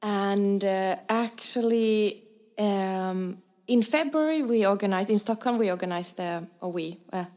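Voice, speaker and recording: A young Finnish designer, appearing as a guest in a casual interview, tells her story with plenty of fillers, restarts and laughter. Her voice is mid-range and darkish, and she speaks at a measured pace.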